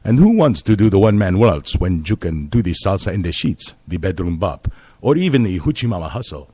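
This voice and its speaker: A man's voice: sits low, big pitch swings, dark tone, breathy edge, dry recording, heavily acted. A man playing suave Latin host Diego. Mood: smooth. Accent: put-on Spanish. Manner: pompous, slow and self-assured. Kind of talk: comedy radio sketch.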